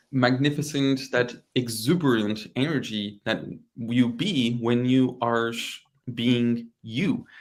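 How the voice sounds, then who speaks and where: A young man from Turkey talks to a small group, and his speech is loose and rambling. He says "like" over and over and repeats his phrases. His voice sits at an ordinary, middle pitch for a man. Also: a bit bright. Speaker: guest speaker. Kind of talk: casual group talk.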